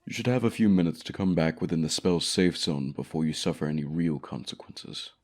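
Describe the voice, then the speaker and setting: In a rumbling low voice, a man briskly plays a fantasy ASMR dragon, a haughty male keeping a human as a pet. The character commands sternly and speaks formally, dripping with pompous condescension.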